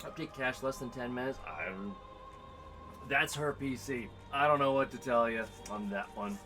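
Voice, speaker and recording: A man's voice: medium pitch, moderate pace. A man chatting casually on a game stream, playful and joking, laughing often. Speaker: streamer co-host. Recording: music playing behind the voice.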